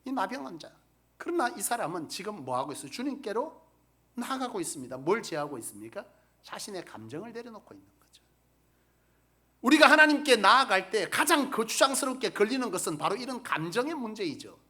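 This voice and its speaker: A man preaching a sermon in a high, bright voice that leaps up and down in pitch. He presses his points with rhetorical questions to the congregation. His delivery moves between loud emphatic bursts and near-whispers. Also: big pitch swings, brisk. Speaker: pastor.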